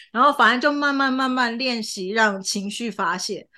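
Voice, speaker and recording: A woman's voice: a little high, moderate pace, bright, forceful tone. A young woman hosting a casual chat podcast, laughing often as she tells a story and acts out the people she quotes. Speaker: podcast host. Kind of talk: casual chat between friends.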